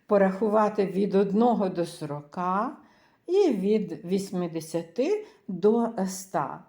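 A woman teaching a beginner English lesson, pronouncing each word slowly and clearly for learners to repeat. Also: medium pitch, expressive, dark tone, roomy sound. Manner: slow, drawn-out repetition of words for learners.

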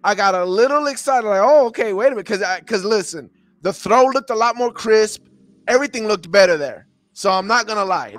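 A man's voice: high-pitched, fairly bright tone, dry recording. A man hosting a podcast, breaking down football film for his viewers in a casual way, thinking aloud and repeating himself. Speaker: podcast host reviewing game film. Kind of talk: casual film breakdown for a live stream audience.

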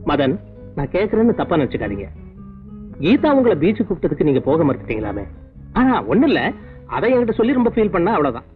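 An actor playing a doting elder brother and film producer who talks fondly and persuasively. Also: male voice, fairly high pitch, sing-song, fast, pauses often. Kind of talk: 1980s Tamil film dialogue. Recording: dull old film soundtrack with faint music.

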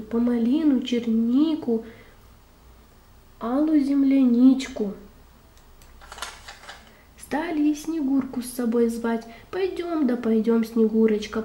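A woman reading a children's fairy tale aloud in an expressive, measured, folksy way. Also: a little high, echoey room.

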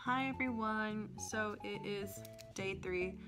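A woman's voice: mid-range voice, slow pace, music in the background. A young woman, an anime fan, chatting casually into her phone as she vlogs as a convention guest. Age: young adult. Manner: anime fan, gushing and venting informally. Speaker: vlogger, cosplay convention guest. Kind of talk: casual vlog chat. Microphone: phone at arm's length.

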